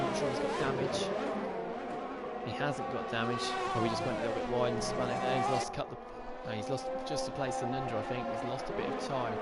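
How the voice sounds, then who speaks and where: Casting: male esports motorsport commentator, medium pitch, reactive live race calls with repeated phrases, heavy music bed and engine noise behind. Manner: reacts aloud to on-track action with repeated phrases.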